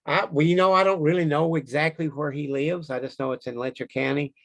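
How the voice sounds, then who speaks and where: A man's voice: fairly high pitch, fairly even intonation, a little fast. A man with a Kentucky accent, chatting in a rambling, folksy way as an interview guest. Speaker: Bigfoot researcher being interviewed. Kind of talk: casual interview chat.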